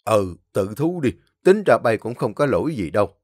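A man voicing a gruff, bossy older uncle with a Southern Vietnamese accent. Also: lowish voice, sing-song, moderate pace, a little mellow, dry recording, clean studio sound. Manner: blunt, bossy.

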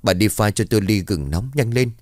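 A man voicing a stern, short-tempered older father who talks loudly and snaps. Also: on the low side, lively intonation, a little fast, dry recording, studio quality, lightly acted. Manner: loud, snapping.

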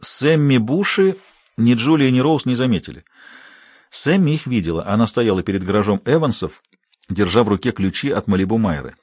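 Male audiobook narrator, steady even reading, mid voice, dry studio mic. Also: medium pitch, a little fast, slightly rough, no echo. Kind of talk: scripted narration.

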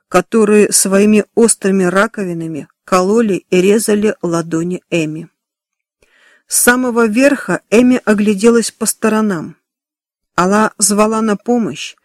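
A man narrating a children's novel in a steady, expressive storytelling manner. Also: high-pitched, no echo, studio quality. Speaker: audiobook narrator. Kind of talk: scripted narration.

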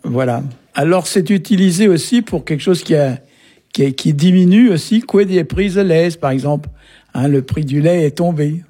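Man from Brittany, fairly high voice, language teacher, patient explanations. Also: moderate pace, warm tone. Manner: patient, explanatory, peppers talk with short tags. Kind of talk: explaining words on a radio lesson.

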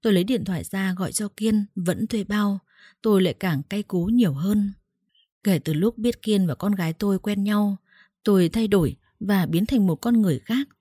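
A woman reading a first-person story aloud in a steady storytelling voice and voicing its dialogue. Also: medium pitch, normal speed, breathy edge, dry recording, clean studio sound. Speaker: narrator.

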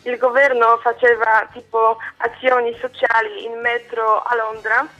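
A woman's voice: a little high, little pitch movement, a bit bright. Polish woman on a muffled phone line. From Poland. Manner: halting, searching for Italian words. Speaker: guest. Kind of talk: phone interview.

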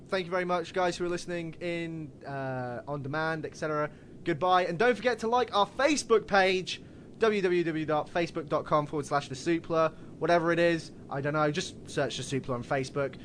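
A man's voice: on the high side, fairly bright tone, a little hiss or hum. A man hosting a casual wrestling podcast, swearing casually and laughing at his own slips. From United Kingdom. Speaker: podcast host.

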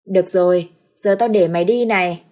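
A woman's voice: lowish voice, brisk, dark tone, natural voice. A woman voicing a cold, scheming young woman of a wealthy house who speaks curtly with false kindness. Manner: curt, falsely kind.

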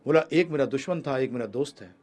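A man giving a Gita discourse, rising to loud emphatic peaks and dropping to low, quick asides, asking the audience questions and answering them himself. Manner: addresses listeners as prabhu ji. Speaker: preacher.

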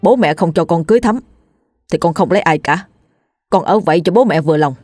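A woman's voice: fairly low pitch, expressive, brisk, darkish tone, dry recording, studio quality, faint music behind. A woman voicing a pleading, determined grown son. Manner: pleading, insistent. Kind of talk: storytelling.

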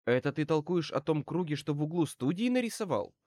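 A man's voice: on the high side, very animated, a little fast, darkish tone, no echo, clean studio sound, voice pushed up. A man reading an audiobook and voicing a brassy, defiant female crook who snaps back with sneering retorts. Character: middle-aged female small-time crook, brassy and defiant.

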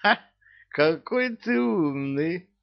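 A man's voice: sits low, wildly swooping pitch, slow pace, dull audio, heavily acted. Man doing a smug, prissy tipsy devil. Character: tipsy male devil Lucifer, affected and smug.

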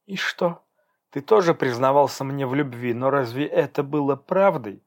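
A man reading an audiobook, voicing a distraught, defiant young woman in a shrill, agitated tone. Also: lively intonation, moderate pace, close to an everyday voice. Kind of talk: audiobook character voice.

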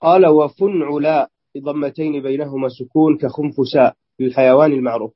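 A man's voice: a little high, fairly even intonation, brisk, muffled recording. A male student reading a classical grammar text aloud carefully, stumbling and restarting now and then.

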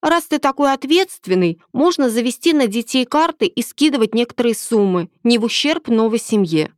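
A woman's voice: on the high side, lively intonation, normal speed, dry recording, clean studio sound, pitched above the performer's own voice, close to an everyday voice. A woman reading aloud, voicing a pushy, scheming young woman of thirty who talks in an insistent, demanding way.

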